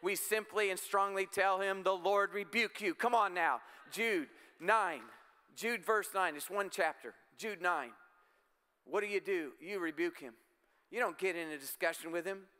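A middle-aged male pastor delivering an emphatic, exhorting sermon. His voice sits high for a man, bright and crisp, and it rings with the long reverb of a church hall. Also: unhurried. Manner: emphatic, exhorting with repeated calls.

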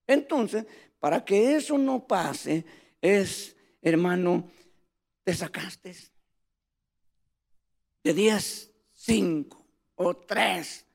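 Gravelly high-pitched male preacher. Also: very slow, long pauses. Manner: animated storytelling, addresses listeners as brothers. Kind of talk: sermon.

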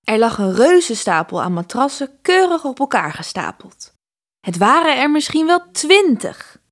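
Gentle woman reading a bedtime story. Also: high voice, very animated, normal speed, dry recording, studio quality.

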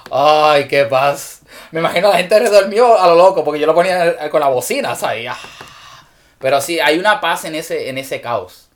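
A man chats casually in a slightly higher voice, agreeing often. He sprinkles English fillers through his talk and laughs easily. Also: normal speed. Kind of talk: casual chat.

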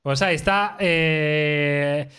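Higher-voiced Spanish male podcast host. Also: drawn-out words, bright, forceful tone, smooth. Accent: Spain. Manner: colloquial, playful, addresses listeners directly. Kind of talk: casual tech podcast discussion.

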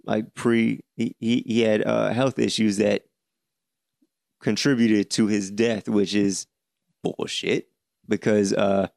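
A man in his late twenties hosting a solo podcast, speaking earnestly with many halting restarts. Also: fairly low pitch, little pitch movement, creaky, a little mellow, dry recording, studio quality. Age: 20s. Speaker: podcast host.

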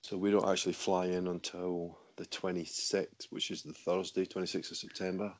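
A man with a Scottish accent, chatting casually as a podcast guest in a relaxed, measured way. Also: low voice. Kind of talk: casual chat.

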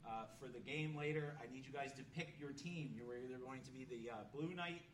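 A man's voice: mid-range voice, a little fast, slight background noise. A man hosting a podcast, chatting loosely and laughing through sponsor reads. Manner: loose, laughing, rambling delivery. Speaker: podcast host.

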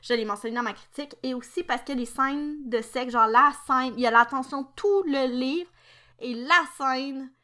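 Québécois woman co-host, expressive, somewhat high, bright and forward. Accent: Québécois French. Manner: enthusiastic, expressive, quick to exclaim. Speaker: podcast co-host. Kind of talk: casual chat.

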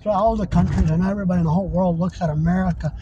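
A man's voice: high-pitched, steady tone, very fast, noisy background. A man giving an impassioned, profane monologue as a podcaster, ranting heatedly. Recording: dull lo-fi recording.

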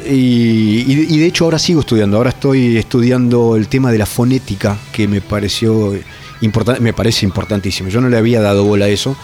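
A man with a Rioplatense Spanish accent and a lowish voice tells tour stories in a relaxed interview. He rambles, restarts and keeps checking in with little tag questions, with faint music behind him. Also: fast. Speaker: touring metal musician guest. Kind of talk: casual interview chat.

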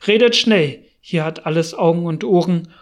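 A man's voice: sits high, moderate pace, close to an everyday voice. A man voicing a frightened older male settler in an audiobook, speaking urgently and anxiously.

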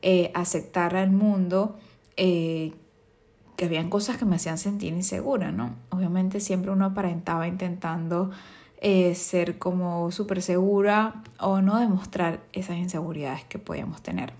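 A woman's voice: on the low side, fairly even intonation, moderate pace, a little mellow. Venezuelan woman hosting a chatty podcast. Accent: Venezuelan Spanish. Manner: conversational, with frequent fillers and tag questions. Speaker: podcast host, makeup artist. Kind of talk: casual podcast monologue.

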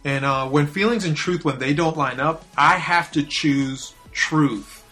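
Earnest man with a bright voice. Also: a little high, a little slow, soft background music. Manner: earnest, confessional, hesitant with fillers. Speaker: host of a daily devotional. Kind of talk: casual spoken devotional.

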